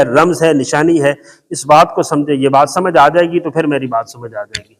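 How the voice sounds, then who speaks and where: A man teaching a Quran reading lesson, explaining patiently with emphatic repetition. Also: a little high. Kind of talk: classroom lesson explaining Arabic letters. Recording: long hall reverb.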